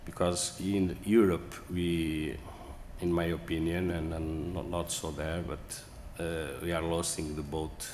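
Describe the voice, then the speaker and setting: A conference speaker with a very low, darkish voice gives a hesitant presentation in a flat delivery. He talks slowly and haltingly, with many fillers and restarts. The big hall is echoey, and faint room noise is audible.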